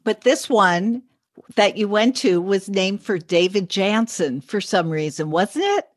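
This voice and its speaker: A woman's voice: medium pitch, lively intonation, unhurried, no room sound, studio quality. A woman co-hosting a podcast, chatting casually and chiming in on her friend's story. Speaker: podcast co-host. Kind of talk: casual chat.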